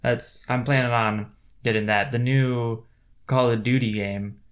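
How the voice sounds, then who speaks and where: A man's voice: medium pitch, steady tone, unhurried. An American man co-hosting a casual tech chat, rambling and self-mocking, laughing often. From United States. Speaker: podcast co-host.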